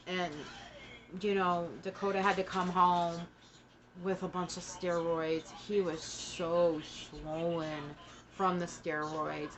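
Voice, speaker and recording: A woman who is short of breath gives a personal update in a casual monologue, speaking in halting, broken phrases. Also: sits low, pushed and bright, low-quality recording. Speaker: vlogger giving a personal family update.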